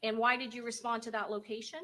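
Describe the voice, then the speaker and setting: A woman prosecutor questioning a witness in a courtroom recording, formal and measured with the odd um. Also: on the high side, flat delivery, a bit bright. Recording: courtroom recording with faint room noise.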